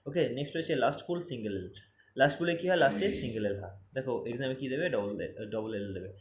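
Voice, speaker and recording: Fast-talking male spelling teacher. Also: medium pitch, expressive, slight background noise. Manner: spells words letter by letter, repeats for emphasis. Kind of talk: exam-prep spelling lesson. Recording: roomy echo, faint ambience.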